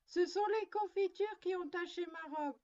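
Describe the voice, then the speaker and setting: A woman's voice: very high-pitched, normal speed, warm tone, recorded from a distance, lo-fi sound. A woman reading a storybook, voicing a naughty little girl doll who whines and pleads. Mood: pleading. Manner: whiny and pleading.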